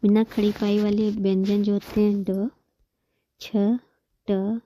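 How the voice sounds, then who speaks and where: A woman's voice: mid-range voice, flat delivery, slow pace, warm tone, a little hiss or hum. A woman teaching a Hindi grammar lesson, patiently explaining terms, repeating them and counting examples aloud.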